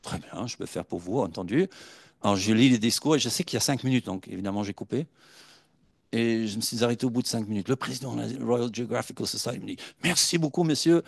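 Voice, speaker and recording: Gravelly low-voiced man giving a lecture. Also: fast talker, dry recording. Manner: hesitant, many filler sounds, anecdotal and chatty. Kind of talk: university conference talk with slides.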